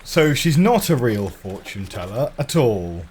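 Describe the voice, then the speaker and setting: A man's voice: medium pitch, big pitch swings, measured pace, darkish tone, slightly rough. A man giving casual video game commentary, wryly musing aloud to himself as he plays. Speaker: gamer.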